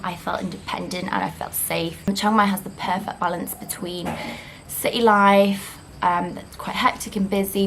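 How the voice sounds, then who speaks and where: A woman in her twenties, born in Poland, who grew up in Britain and speaks. She talks to the camera in a relaxed, chatty way, with frequent ums and likes. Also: medium pitch, slight background noise, low-quality recording. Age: 20s. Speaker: interviewee. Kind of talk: casual talk to camera.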